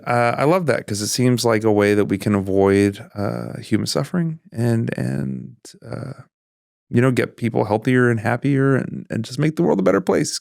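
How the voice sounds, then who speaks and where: Guy hosting a chatty podcast, kinda rambly, keeps restarting himself, gravelly voice. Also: fairly low pitch, dry recording, clean studio sound. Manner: rambling, self-interrupting, laughs often. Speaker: podcast host. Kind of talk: casual podcast interview.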